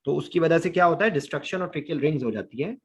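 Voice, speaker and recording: A man with a voice on the high side races through an online anesthesia lesson with lively intonation and a breathy edge. He questions his students as he goes and drops English medical terminology into his Urdu.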